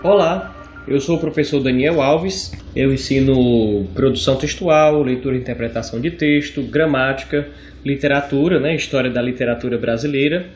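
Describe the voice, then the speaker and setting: A man from Brazil teaching a recorded grammar lesson, explaining patiently with fillers and slowing down on examples. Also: medium pitch, darkish tone, roomy sound, faint music behind.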